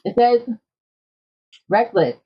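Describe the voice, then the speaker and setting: A woman reading tarot cards for her viewers in a casual, conversational way, often checking in with a quick "okay?". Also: fairly high pitch, animated, breathy edge. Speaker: tarot card reader. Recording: dull lo-fi audio.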